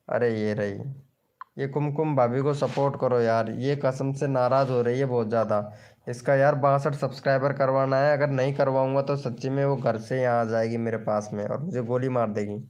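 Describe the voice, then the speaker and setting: A man's voice: mid-range voice, darkish tone, clear, resonant tone, lo-fi sound. A young man from Rajasthan hosting a casual live stream, reading viewer comments, teasing them and pleading for likes. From Rajasthan, India.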